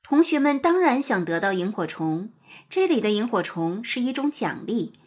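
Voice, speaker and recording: A woman narrating a children's story in an expressive, sing-song storytelling manner. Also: medium pitch, normal speed, slightly rough.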